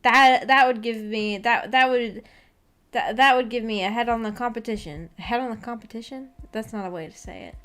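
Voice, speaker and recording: A woman with a fairly high, slightly bright voice talks at a quick clip. She's a VTuber streamer and host, chatting casually with her viewers in a giggly, rambling, self-deprecating way while music plays in the background.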